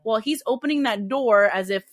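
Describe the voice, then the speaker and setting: A woman's voice: on the high side, normal speed, no echo, clean studio sound. A woman co-hosting a podcast, telling a jail story in a chatty way, full of fillers and acted-out quotes. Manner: chatty, lots of fillers, laughs, acts out quotes. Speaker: podcast co-host, corrections officer. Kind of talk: casual chat.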